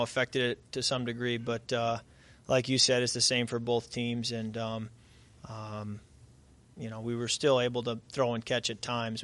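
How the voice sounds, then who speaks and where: A man answering reporters after a game, tired and catching his breath, measured with many fillers and restarts. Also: mid-range voice, pushed and bright. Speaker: quarterback at press conference. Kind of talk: post-game press conference answers.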